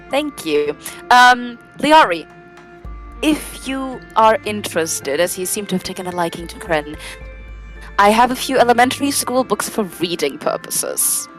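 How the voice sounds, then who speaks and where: A woman's voice: medium pitch, fairly bright tone, poor audio. A woman playing a stiffly courteous young nobleman. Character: formal, dignified young man adventurer.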